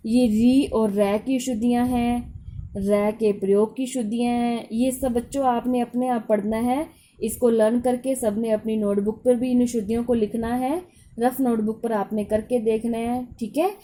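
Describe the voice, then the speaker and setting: A woman's voice: on the high side, warm tone. A woman teacher giving a grammar lesson to schoolchildren, explaining patiently, repeating her points and speaking directly to the children.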